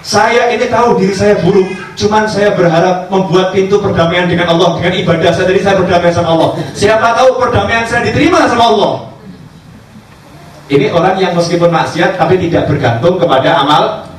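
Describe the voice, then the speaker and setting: A man, a religious teacher telling stories in a sermon, acting out dialogue in lively voices. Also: high voice, fairly quick. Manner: animated storyteller acting out dialogue. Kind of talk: sermon storytelling. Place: cafe gathering. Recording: echoey distant room recording, faint background noise.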